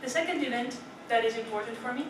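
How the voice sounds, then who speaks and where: With a fairly high voice and a quick pace, this young Dutch woman delivers a prepared speech to a club in a chatty manner, questioning the audience and often saying "right?". It was recorded from far off in a noisy, reverberant meeting room.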